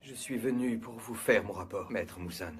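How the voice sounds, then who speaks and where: A man's voice: lowish voice, moderate pace, heavy background noise, natural voice. A man playing a loyal demon warrior in a French anime dub, humble and restrained toward his master. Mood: subdued deference. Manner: deferential, restrained.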